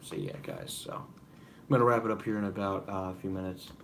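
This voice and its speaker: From a room at home with background noise, a young man hosts a casual live-stream Q&A, rambling, full of fillers and apologizing often. His low, gravelly yet fairly bright voice swoops wildly in pitch and moves briskly, over a little hiss or hum.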